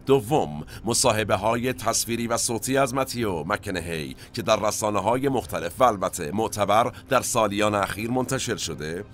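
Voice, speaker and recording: A man's voice: on the low side, hardly any pauses, fairly bright tone. A man hosting a cinema history podcast, telling stories in a conversational way with asides to his listeners. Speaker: podcast host.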